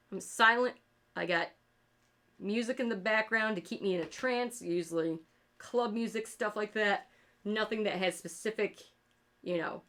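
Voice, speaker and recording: This woman's medium-pitched voice is a bit bright, carrying an upstate New York accent from her rural roots. While drawing on a livestream as a streamer and artist, she chats casually and ramblingly, swearing often and laughing at her own jokes.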